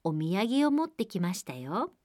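A woman's voice: mid-range voice, sing-song, normal speed, darkish tone, no room sound, studio quality, natural voice. A woman voicing a cunning, hungry wolf in a storybook reading, coaxing in a falsely sweet voice.

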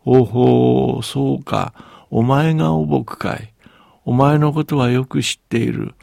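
A man reading a storybook aloud and voicing a huge ancient male giant of the north, who speaks loudly with drawn-out blowing breaths. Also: medium pitch, fairly even intonation, creaky, no echo, studio quality. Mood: booming.

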